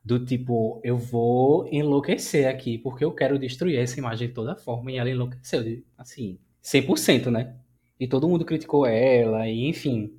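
A man hosting a podcast who talks in an enthusiastic, chatty way. His voice has an ordinary, mid-range pitch for a man. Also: moderate pace, mellow. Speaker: podcast host. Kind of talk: casual chat.

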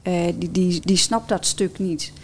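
A woman's voice: lowish voice, unhurried, a little hiss or hum. A woman talking as a guest on a talk show, reflective and searching for words. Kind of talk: personal talk show conversation.

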